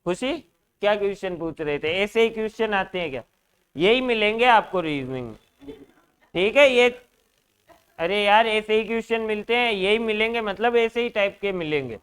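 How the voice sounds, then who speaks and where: High-voiced man teasing his class. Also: normal speed, clean tone. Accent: Rajasthani Hindi. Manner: joking, teasing students, lively classroom banter. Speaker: reasoning teacher. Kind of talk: classroom lecture with students. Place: classroom with students.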